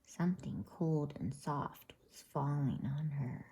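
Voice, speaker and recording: Slow, breathy whispering woman storyteller. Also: low voice. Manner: gentle, hushed, unhurried. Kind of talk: whispered ASMR bedtime story reading.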